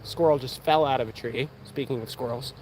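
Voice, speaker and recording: In a rough recording with faint outdoor background noise, a young man of eighteen speaks with a medium-pitched, slightly mellow voice, fairly even intonation and a fairly quick pace. He has a Pennsylvania accent and hosts an outdoors channel, chatting casually on a livestream and answering questions while shooting archery.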